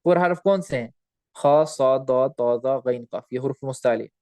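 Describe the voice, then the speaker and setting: A man teaching recitation rules in a recorded slide lecture. He asks questions and answers them himself, repeats key terms, and drags out example words slowly. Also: mid-range voice, mellow, no echo.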